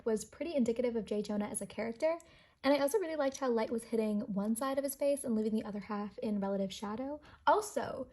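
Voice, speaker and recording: A woman's voice: on the high side, a little mellow. A young adult woman giving a casual, humorous voice-over as a hobby painter and vlogger, rambling in a wry, tongue-in-cheek, mock-dramatic way.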